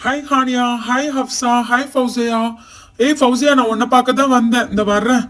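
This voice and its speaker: Schoolboy peacemaker doll , a woman voicing, mid pitch, slightly off mic. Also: fairly even intonation, moderate pace, fairly bright tone, recorded from a distance, lightly acted. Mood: friendly. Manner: coaxing peacemaker. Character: easygoing schoolboy Abdullah. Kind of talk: doll show role-play.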